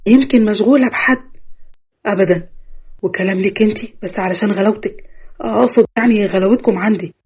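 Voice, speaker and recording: A woman voicing a gossipy, eager middle-aged male shopkeeper with an Egyptian accent, speaking in a lowered, confiding tone. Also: quick pace, long pauses, husky, muffled recording.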